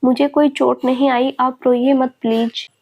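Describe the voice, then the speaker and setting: Brief: woman doing a coaxing young daughter, high and flat-toned, storybook. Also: measured pace. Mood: pleading.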